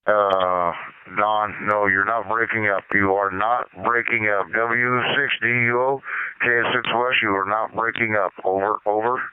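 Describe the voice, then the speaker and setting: A man on a ham radio net, heard over a two-way radio, talking slowly and repeating himself before signing off. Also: on the low side, fairly even intonation. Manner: slow and repetitive, signs off with "over". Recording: tinny narrow radio channel with faint hiss.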